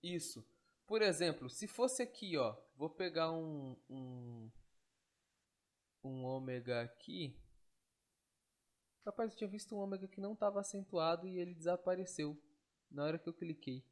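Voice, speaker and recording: A man's voice: a little high, animated, normal speed, pauses often. Patient man teaching a lesson. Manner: patient, step-by-step, checks with tag questions. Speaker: Greek teacher. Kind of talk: online lesson explaining on screen.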